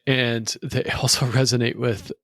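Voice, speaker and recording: A man's voice: medium pitch, level tone, a little slow, fairly bright tone, no room sound. A man hosting a podcast interview, speaking earnestly with frequent stumbling restarts. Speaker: podcast host. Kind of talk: interview conversation.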